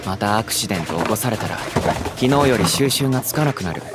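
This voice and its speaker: A man's voice: on the low side, lively intonation, racing, loud music behind the voice, natural voice. A man voicing a stern young male idol trainee in an anime, scolding and lecturing a friend.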